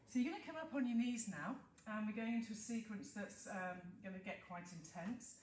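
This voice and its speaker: A British woman Pilates instructor, congested from hay fever, counts reps and cues movements while demonstrating in a guided exercise class. Her medium-pitched voice is a little fast and darkish in tone, and it sounds distant, coming from afar in an echoey room with faint hiss.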